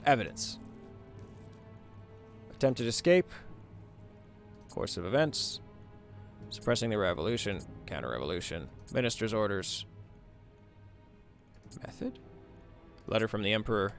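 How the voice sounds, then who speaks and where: A man's voice: lowish voice, very animated, a little slow, long pauses. A man hosting a gaming video, reading game text aloud and muttering casual commentary to himself. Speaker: gaming host. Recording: game music behind the voice. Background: game music.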